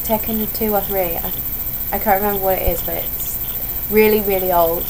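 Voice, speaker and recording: A woman's voice: mid-range voice, fairly even intonation, moderate pace. A young woman who is ill, with her voice starting to go, chatting in a casual, rambling vlog way and often wandering off on tangents. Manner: digressive, chatty, self-interrupting. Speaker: vlogger. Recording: noisy home vlog recording.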